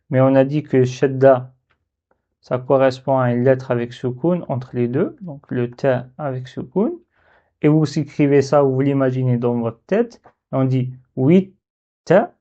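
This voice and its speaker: Man, slow patient teacher, mellow tone, dull lo-fi audio. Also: mid-range voice. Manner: slow, repeats syllables for learners. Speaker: Arabic teacher. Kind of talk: step-by-step letter lesson.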